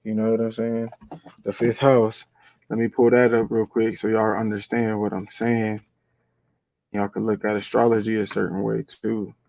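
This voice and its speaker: A man's voice: lowish voice, level tone, moderate pace, vocal fry, darkish tone, no echo. A man, explaining ideas in a loose, conversational way as co-host of a spiritual talk. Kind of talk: casual spiritual discussion.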